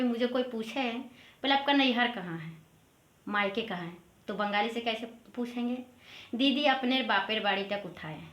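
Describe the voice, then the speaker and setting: A woman from Assam giving a casual spoken language lesson, explaining each phrase and repeating it slowly. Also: on the high side, fairly bright tone. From Assam, India. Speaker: language teacher. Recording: roomy echo.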